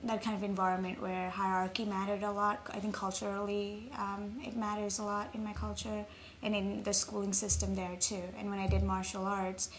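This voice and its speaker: A young Nepali woman speaks fairly quickly in a mid-range, level voice as a guest in a casual interview. She reflects thoughtfully and says "um" often, with faint noise in the background.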